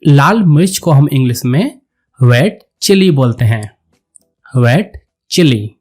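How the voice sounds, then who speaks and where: Slow, deliberate male vocabulary teacher. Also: mid-range voice, lively intonation, darkish tone, breathy edge, faint music behind. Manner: repeats each word slowly and deliberately. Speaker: English teacher.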